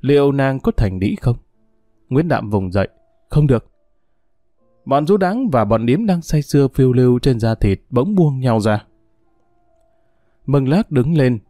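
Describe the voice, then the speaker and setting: Male audiobook narrator, warm, expressive, dry close read. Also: mid-range voice, a little slow, dry recording, soft background music.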